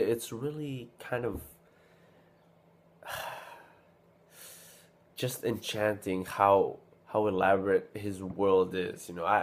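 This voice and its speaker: A man talking casually to camera about a comic he loves, rambling with many fillers and restarts, a little sick. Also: deep voice. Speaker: vlogger reviewing a manga. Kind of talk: casual unscripted talk to camera.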